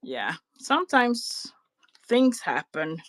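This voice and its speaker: A woman co-hosting a crafting livestream, agreeable and quick to laugh. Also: a little high, big pitch swings, no echo. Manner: warm, agreeable, laughs often. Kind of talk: casual chat.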